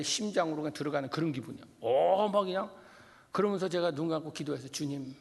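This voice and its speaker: A middle-aged man from Korea, a guest pastor preaching a revival sermon, telling stories animatedly and swinging from loud to hushed. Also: fairly high pitch, gravelly. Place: church sanctuary. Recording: long church hall reverb.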